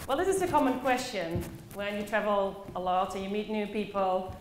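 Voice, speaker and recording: With a medium-pitched voice and a Dutch accent, a Netherlands-born conference speaker and play facilitator recounts personal stories to a live audience, expressive and pausing dramatically. The indoor conference room is very echoey, and faint noise sits in the background.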